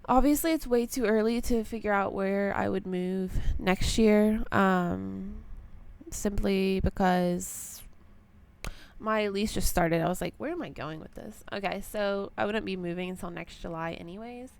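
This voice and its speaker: A woman's voice: mid-range voice, fairly even intonation, unhurried, creaky, a little mellow, clear, resonant tone. A young woman, scratchy from just waking up, talking through her budget in a rambling casual vlog with many ums and likes. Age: young adult. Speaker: personal finance vlogger.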